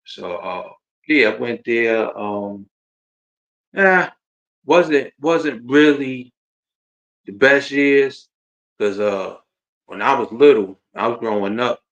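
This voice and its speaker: A man of about forty from Jersey City, New Jersey, with a New Jersey accent, hosts a livestream of casual autobiographical chat, rambling and repeating himself informally. His voice is medium-pitched and fairly bright, slow with frequent pauses. The stream audio is dull and lo-fi.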